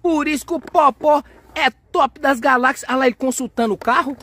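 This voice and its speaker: A young father, filming his kids at play outdoors and narrating in an excitable, coaxing way. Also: very high voice, fairly quick. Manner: excitable, coaxing, cheers and exclaims often. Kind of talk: playful family vlog narration. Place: outdoors on a street and yard.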